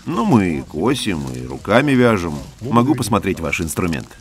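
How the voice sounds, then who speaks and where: A man's voice: low-pitched, very animated, normal speed. A man voicing a documentary interview, asking and answering in a plain conversational way. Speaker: interviewer and voice-over narrator.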